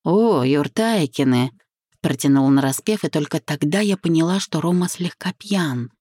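Low-voiced woman reading an audiobook. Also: normal speed, dark tone, husky, dry recording, clean studio sound. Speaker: audiobook narrator. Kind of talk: scripted first-person narration.

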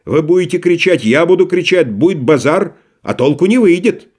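A man's voice: a little high, lively intonation, normal speed, darkish tone, breathy edge, voice pushed up. A man voicing a wily, stubborn merchant who talks in a folksy, obsequious way, in an audiobook play reading. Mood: wheedling stubborn. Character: wily, stubborn middle-aged male merchant.

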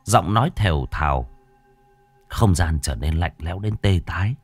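A man narrating a ghost story in a dramatic, expressive way. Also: low voice, normal speed, breathy edge, no echo. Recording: faint background music.

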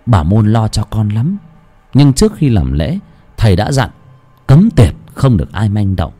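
Male horror storyteller with a low, mellow voice and a very animated delivery. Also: measured pace.

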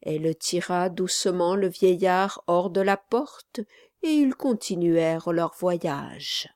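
Slow, measured French woman narrator. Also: fairly low pitch, a little mellow, no echo, studio quality. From France. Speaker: audiobook narrator. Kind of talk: scripted narration.

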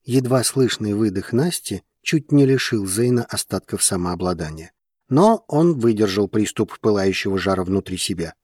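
A man narrating an audiobook in a measured, even reading manner. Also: fairly low pitch, breathy edge, dry recording, studio quality.

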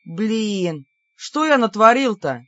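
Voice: mid-range voice, very animated, slow, a bit bright, no echo, lo-fi sound. An audiobook reader voicing a hotheaded, injured young male demon who groans and protests indignantly. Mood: groaning, indignant.

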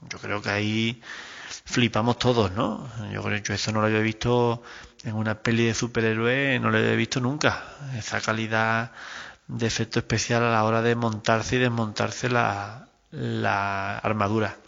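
Low, gravelly Spaniard in a reverberant room. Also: male voice, flat delivery, normal speed, a bit bright. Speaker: listener sending an audio message. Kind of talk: recorded voice message. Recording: dull, reverberant lo-fi audio.

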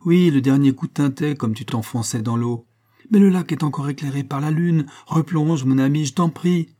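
A man's voice: medium pitch, fairly even intonation, moderate pace, dark tone, lightly acted. A man reading aloud voicing an impatient, superstitious old father who grumbles and grows exasperated. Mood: impatient grumbling. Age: older.

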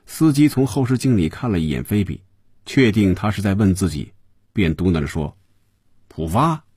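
Husky man narrating a radio story. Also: deep voice, brisk, no room sound, clean studio sound. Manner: expressive, varied storytelling.

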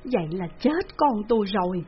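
A desperate middle-aged peasant father, as a woman reading the tale puts him on, wailing and pleading. His voice sits mid-pitch and comes through a dull, lo-fi recording. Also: lively intonation, moderate pace, natural voice. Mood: anguished.

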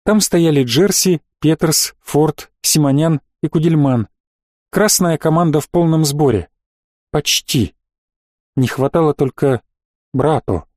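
A man narrating an audiobook in an even, measured way, his voice sitting a touch above the usual male range. The recording is dry and close, with no room sound. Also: on the high side, dry recording. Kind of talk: scripted narration.

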